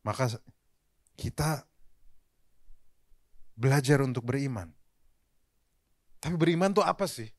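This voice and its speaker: A male pastor preaching a live church sermon in an easy, conversational way, speaking straight to the congregation and dropping English phrases in as he goes. His voice sits at an average pitch. The sound is dry and close, with little room echo. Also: expressive, unhurried, pauses often. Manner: addresses the congregation directly and often. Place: church service, recorded live.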